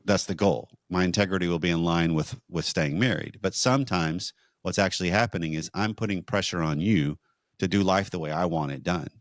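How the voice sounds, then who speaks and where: A man co-hosting a marriage podcast, teaching in a measured, explanatory way with rhetorical questions. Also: sits low, no echo, clean studio sound.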